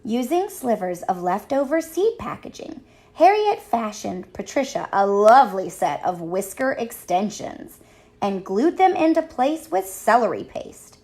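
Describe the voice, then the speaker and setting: Woman narrating a children's storybook; higher voice, lively and unhurried. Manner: expressive, sing-song storytelling. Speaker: children's book reader. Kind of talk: read-aloud storybook narration.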